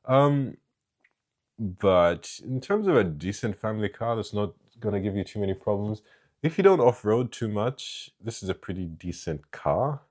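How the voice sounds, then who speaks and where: A man's voice: lowish voice, lively intonation, moderate pace, darkish tone. A young man from East Africa giving a casual, rambling tier-list review of family cars, with many fillers and restarts. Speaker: car reviewer.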